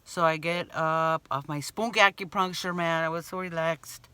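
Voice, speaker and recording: A woman vlogger telling a story to camera in an animated way, acting out scenes and yelling some lines. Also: sits low, normal speed, clean tone, no room sound. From Bay Area, California. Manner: expressive, acts out scenes with loud bleeped yelling. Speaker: van life vlogger.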